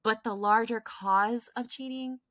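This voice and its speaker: A woman co-hosting a podcast in casual chat, expressive and opinionated, often correcting herself as she goes. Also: on the high side, a little slow, no room sound. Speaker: podcast co-host.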